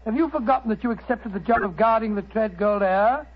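Doctor Watson, voiced by a man, high and flustered. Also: fairly quick, a little hiss or hum, close to an everyday voice. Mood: flustered, narrating. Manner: exasperated, bluff, stammering. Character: loyal, flustered male doctor companion. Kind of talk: 1940s radio acting. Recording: muffled old radio broadcast.

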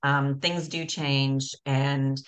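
A middle-aged woman from Canada, hosting a podcast, chatty and animated with frequent restarts. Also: extremely low pitch, drawn-out words. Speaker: podcast host. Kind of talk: casual interview.

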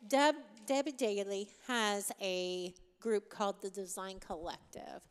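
A woman co-hosting a podcast in casual chat, quick to agree and laugh along. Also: mid-range voice, long reverb tail, background noise. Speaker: podcast co-host.

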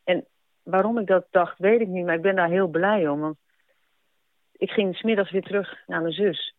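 A woman telling a personal experience in a conversational way, halting, with many pauses, fillers and restarts. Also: on the low side, dry recording. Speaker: storyteller recounting a personal experience. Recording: narrow phone-like sound with faint music behind.

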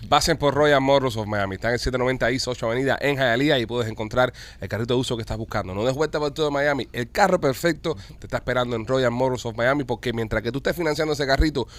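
A man's voice: mid-range voice, fast, hardly any pauses. A man, hosting a casual talk show and reading ads in a brash, joking salesman way. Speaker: podcast host. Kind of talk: casual chat with live ad reads.

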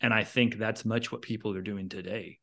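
A man's voice: lowish voice, steady tone, moderate pace, vocal fry, a bit bright. A man co-hosting a podcast, talking in casual discussion and laying out his view with emphatic asides. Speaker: podcast co-host.

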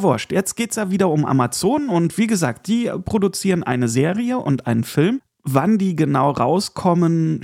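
With a slightly mellow, creaky voice on the higher side, a man hosts a podcast solo. He talks informally through news and his opinions on things he reviews, addressing the listener directly.

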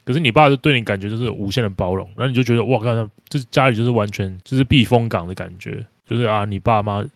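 A young man talks on a podcast in an easygoing, reflective way, in a lowish voice. He speaks quickly, and the sound is dry with no room echo. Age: young adult. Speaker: podcast co-host. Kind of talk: casual podcast chat.

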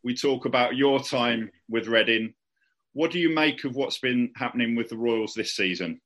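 A man's voice: medium pitch, moderate pace, fairly bright tone. A man hosting a podcast, asking long, chatty questions full of restarts and fillers. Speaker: podcast host. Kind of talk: casual podcast interview.

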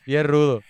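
A man chatting casually about a film, relaxed, laughing often and losing track of scenes. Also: on the high side, dry recording, studio quality. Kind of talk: casual chat reviewing a film.

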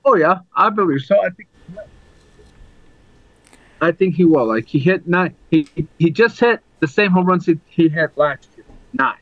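A man co-hosting a podcast, chatting casually about sports, halting and restarting his sentences often. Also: fairly high pitch, expressive, dry recording, dull audio. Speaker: podcast co-host.

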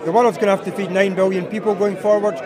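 A man's voice: sits high, flat delivery, quick pace. A man with a Scottish accent, a mixed farmer, speaking hesitantly with many fillers. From East Lothian, Scotland. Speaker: livestock and arable farmer. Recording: crowd chatter behind.

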